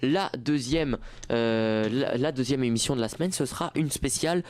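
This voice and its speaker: A man's voice: medium pitch, normal speed, no room sound. A young man hosting a campus radio show in a studio, chatting casually with lots of fillers and restarts. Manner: rambling, many restarts and fillers. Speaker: radio host. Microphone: studio microphone.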